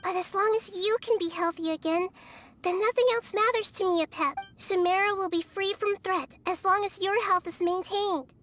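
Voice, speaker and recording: An actress playing a small, wise young goddess, speaking softly and calmly. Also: female voice, very high voice, normal speed, soft background music. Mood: gentle. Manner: soft, calm, gentle.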